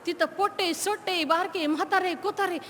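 A woman tells a story on stage with dramatic flair, jumping between narration and acted voices. Her voice sits very high and bright. A long hall reverb trails behind her. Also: steady tone, normal speed, a little hiss or hum. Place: stage at a literary conference hall.

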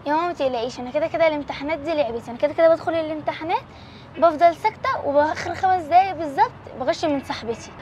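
A woman's voice: high voice, rapid-fire, background noise, close to an everyday voice. A young woman with an Egyptian accent playing a lazy, cheeky schoolgirl who brushes everything off. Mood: dismissive. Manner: dismissive, offhand.

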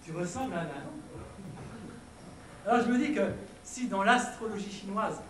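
Man acting a mocking, needling companion; high voice, echoey stage picked up from afar. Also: lively intonation, moderate pace, a bit bright. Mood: teasing. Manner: mocking and playful. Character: teasing, bickering man needling his companion. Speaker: stage actor. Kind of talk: amateur stage comedy acting. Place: theatre stage. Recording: echoey stage, far mic, noisy hall.

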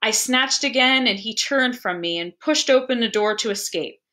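Reading a story aloud, this female librarian uses a high, bright voice full of expression and delivers the text with careful literary deliberateness.

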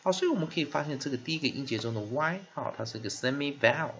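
A male teacher giving a phonics lesson, sounding out word parts slowly and repeatedly with many filler sounds. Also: mid-range voice, lively intonation, fairly bright tone. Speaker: English teacher. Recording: dull lo-fi recording with faint hiss.

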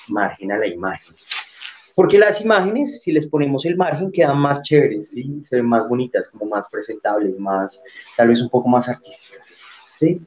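A man's voice: mid-range voice, darkish tone, lo-fi sound. A man teaching an online art class, explaining as he works and checking in with frequent tag questions.

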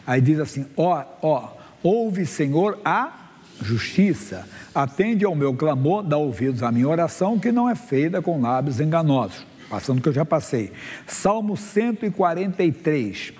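A man's voice: a little high, moderate pace, breathy edge. Man in his sixties preaching in a hall. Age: 60s. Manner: preaching with animated Bible readings and questions to the congregation. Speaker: pastor. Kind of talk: sermon. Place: church stage before a congregation. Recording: long hall reverb.

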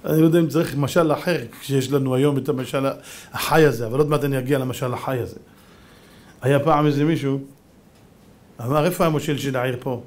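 A man's voice: mid-range voice, steady tone, pauses often, a little mellow. A man, a rabbi giving a Torah lecture. He tells stories theatrically and fires off mocking rhetorical questions.

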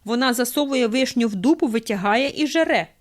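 A woman's voice: on the high side, expressive, a little fast, voice pushed up, lightly acted. Woman playing an outraged bartender. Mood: indignant. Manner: indignant and loud.

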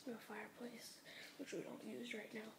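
Teen girl, hushed whispered home-tour vlog, hesitant and rambling; noisy phone recording. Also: a little high, fairly even intonation, a little fast. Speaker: vlogger giving a home tour. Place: house at night, family asleep.

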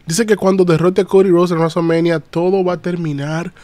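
A man, recapping wrestling on a casual live stream, chatty and animated, greeting viewers in the chat. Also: sits high, a little fast, no echo.

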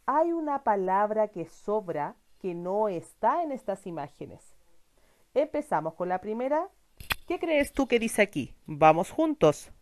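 Slow, patient woman teaching young children. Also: mid-range voice, big pitch swings, a little mellow. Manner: slow, patient, encouraging, asks and answers her own questions. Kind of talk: children's reading lesson.

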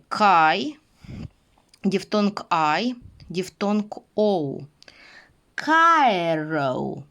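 A woman teaching English pronunciation, speaking patiently and repeating words for her students. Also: fairly low pitch. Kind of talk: pronunciation lesson.

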